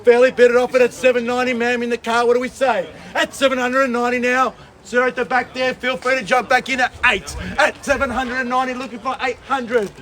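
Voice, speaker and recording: A man's voice: very high-pitched, little pitch movement, fairly quick, few pauses, fairly bright tone. A man calling a property auction outdoors, emphatic and projected, repeating each call. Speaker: lead auctioneer. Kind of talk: auction calling to a street crowd. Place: outdoors on a residential street.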